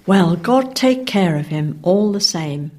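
Prim little girl, high, sing-song, storybook reading, man performing. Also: lively intonation, slow pace, a little mellow. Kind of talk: reading children's verse aloud.

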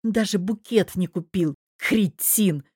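A woman narrating an audiobook in first person, in a steady, even reading manner. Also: lowish voice, moderate pace, no room sound, studio quality.

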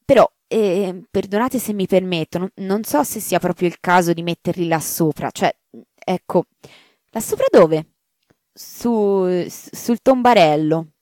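A woman's voice: fairly low pitch, measured pace, a little mellow, no room sound, clean studio sound, voice pushed up, lightly acted. A woman voicing a timid housemaid who stammers and apologizes nervously. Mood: flustered. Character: timid, flustered female housemaid.

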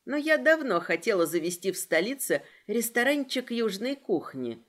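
A woman's voice: fairly high pitch, sing-song, moderate pace. Woman narrating a novel expressively. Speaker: audiobook narrator. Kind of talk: first-person novel narration.

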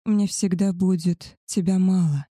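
A woman's voice: on the low side, steady tone, a little slow, dark tone, slightly rough, no echo, studio quality. Gabriel, a woman reading a tender werewolf alpha. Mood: tender, possessive. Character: male werewolf alpha, tender and possessive lover. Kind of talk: audiobook character voice.

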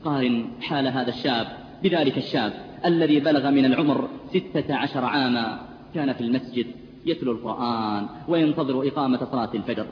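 A man preaching a sermon, telling stories with fervent, tearful-sounding intensity. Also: mid-range voice. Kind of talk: impassioned sermon storytelling. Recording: echoey hall, dull lo-fi sound, faint hiss.

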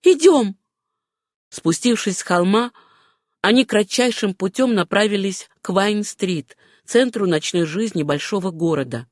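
Unhurried audiobook narrator, dry sound. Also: mid-range voice, no echo. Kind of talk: scripted narration.

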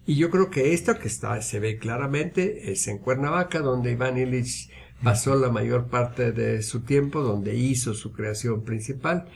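A man's voice: medium pitch, measured pace, vocal fry, slight background noise. A man speaking as a university guest on a radio program, earnest and emphatic, building his points through repetition. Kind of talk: reflective radio interview talk.

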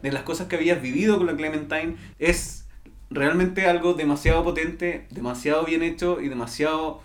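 A young man with a Chilean accent, telling a story in a casual podcast chat, excited and laughing as he talks. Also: a little high, normal speed. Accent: Chilean Spanish. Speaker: podcast co-host.

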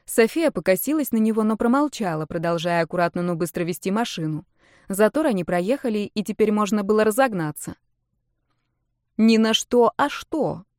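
A woman reading a novel aloud as an audiobook narrator, in an even, measured way. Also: mid-range voice, dry recording, clean studio sound. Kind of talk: scripted narration.

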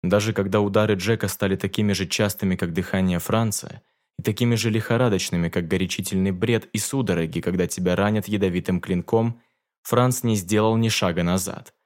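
A man narrating a fantasy audiobook in a measured, dramatic reading. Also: sits low, fairly even intonation, a little mellow.

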